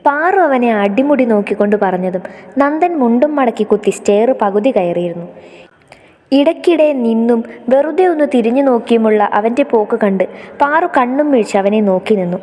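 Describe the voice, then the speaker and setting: A woman narrates a story in an expressive, scripted style. Her voice sits a little high and sounds warm and mellow. A long reverb hangs after each phrase. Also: brisk.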